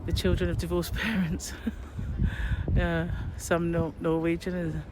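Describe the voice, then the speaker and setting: A British woman narrates a travel vlog outdoors in a casual, rambling way. She is chatty and slightly hesitant, with clear city noise around her. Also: fairly low pitch, level tone, unhurried. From Britain. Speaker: travel vlogger. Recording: noisy outdoor city recording.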